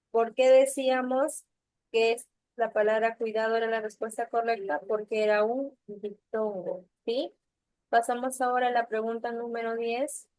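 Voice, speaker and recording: A woman's voice: fairly high pitch, dry recording, poor audio. A young woman teaching an online class through a computer mic, patient and checking often that students follow. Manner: patient, checks understanding with frequent tag questions. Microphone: computer mic on a video call.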